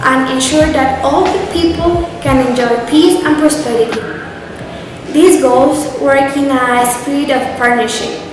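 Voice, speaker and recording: A teenage girl from Ecuador with an Ecuadorian Spanish accent, a Spanish speaker giving an earnest, persuasive prepared speech in English as a student contest entry. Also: high voice. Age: teens. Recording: very echoey hall with music behind.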